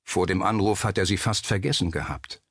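Man, low husky voice, dry close sound, measured suspenseful audiobook narration. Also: dry recording.

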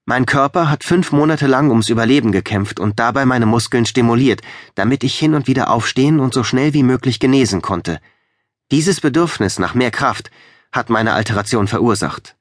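In a studio-quality recording with no room sound, a man voices a determined young man for an audiobook. His delivery is medium in pitch and moderate in pace, set higher than his natural voice and only lightly acted.

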